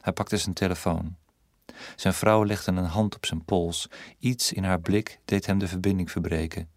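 Deep-voiced man narrating a story. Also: fairly even intonation, moderate pace, a little mellow, no echo, clean studio sound. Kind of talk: audiobook narration.

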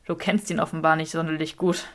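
A woman reading a smug, flirtatious wizard man who teases his rival, in a slow, drawling manner. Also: low voice, flat delivery, voice pushed down, lightly acted.

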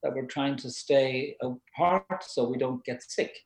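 An older man with an Irish accent giving advice in a thoughtful, halting, conversational way. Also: mid-range voice. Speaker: child psychology expert giving advice. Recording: roomy, echoing sound.

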